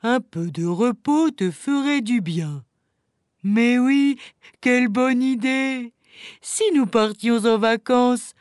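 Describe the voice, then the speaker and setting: Woman voicing a calm, cheerful lady bear. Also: on the high side, dry recording, clean studio sound. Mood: easygoing. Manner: unhurried, easygoing, affectionate.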